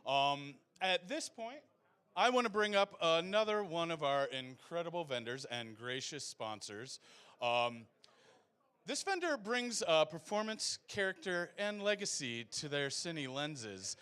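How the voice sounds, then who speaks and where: A man hosting a live event, upbeat and welcoming, introducing the next speaker with a few filler pauses. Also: a little high, big pitch swings, fairly bright tone, clear, resonant tone. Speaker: event host.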